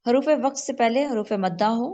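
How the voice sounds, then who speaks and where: A woman from Pakistan teaching an online recitation class, explaining rules step by step, checking that students follow, and drawing out example words slowly. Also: a little high, warm tone. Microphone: online call.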